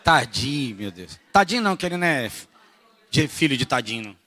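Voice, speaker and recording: A man from Brazil with a Rio de Janeiro accent preaching a sermon at a church retreat, animated and jokey, moving from soft asides to shouted bursts. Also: mid-range voice, fast. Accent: Rio de Janeiro Portuguese. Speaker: pastor.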